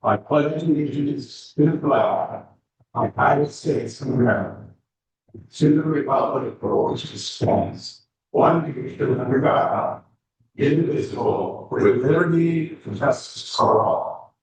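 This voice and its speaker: Man calling a room to stand for the pledge, slow talk, heavy echo, far from the mic. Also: a little high, animated, darkish tone. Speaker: club member leading the pledge. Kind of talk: leading a group pledge. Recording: very echoey, distant, dull room recording.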